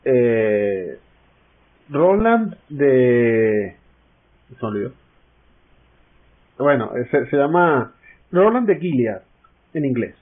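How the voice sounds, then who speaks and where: A man's voice: medium pitch, big pitch swings, a little slow, long pauses, breathy edge. Man on a tinny call. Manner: chatty, explains at length with restarts. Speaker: podcast co-host. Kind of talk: casual podcast chat. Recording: tinny online call audio.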